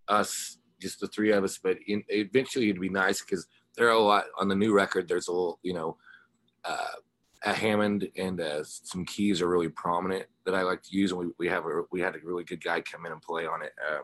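Deep-voiced and fairly quick, the Ozarks-born American rock musician answers interview questions casually, rambling along in slangy, informal talk. His tone is fairly bright, and the recording is dry.

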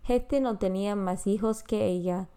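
A woman reading the daily Bible readings and devotion in a measured, reverent manner for a prayer podcast. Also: medium pitch, mellow, smooth. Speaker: podcast scripture reader.

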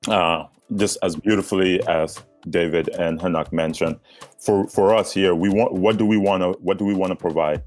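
A deep-voiced man co-hosts a podcast, speaking earnestly and restarting his phrases as he goes. Faint music runs under his voice. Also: steady tone, normal speed, a little mellow. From South Sudan. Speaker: podcast co-host. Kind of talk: casual podcast intro.

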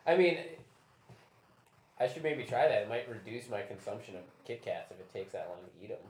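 A young man moderating a casual roundtable chat, relaxed and rambling, often trailing off and restarting. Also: lowish voice, brisk. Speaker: discussion moderator. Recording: roomy echo.

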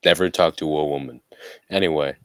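A young man with a deep voice co-hosting a casual podcast, teasing with deadpan asides. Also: a little fast, no room sound, clean studio sound. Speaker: podcast co-host.

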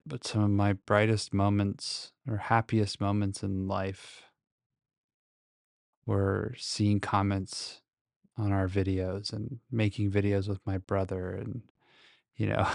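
Deep-voiced man, slow and gravelly, close-miked. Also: no room sound. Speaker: podcast host. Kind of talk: casual solo podcast monologue, rambling and reflective. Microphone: very close to the microphone.

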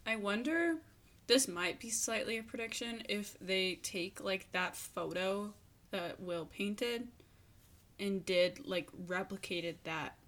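A woman's voice: mid-range voice, slow, fairly bright tone. A woman co-hosting a casual podcast, talking enthusiastically with many fillers. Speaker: podcast co-host. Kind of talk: casual chat about a TV show.

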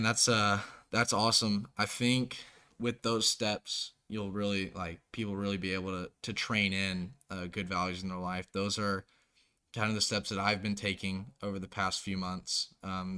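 Bright, clear-voiced young man hosting. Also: low-pitched, moderate pace. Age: young adult. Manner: relaxed storytelling, animated when quoting others. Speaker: host, college football player. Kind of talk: casual podcast interview.

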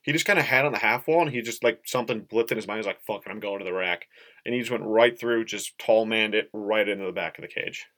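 Joking male podcast co-host, lowish voice. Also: fast, hardly any pauses, a bit bright. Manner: joking, laughs at own jokes. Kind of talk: casual sports chat.

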